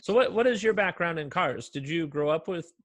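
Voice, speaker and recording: A man's voice: a little high, expressive, a little fast, a bit bright, dry recording. Chatty man hosting a conversation. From Portland, Oregon. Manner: chatty, loose, many fillers and restarts. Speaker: podcast host. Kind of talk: casual interview conversation.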